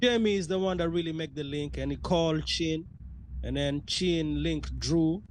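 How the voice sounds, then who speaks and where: A man from South Sudan, a sound clash selector, who speaks as a guest on a radio interview and gives shout-outs in dancehall slang. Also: a little high, normal speed, slight background noise.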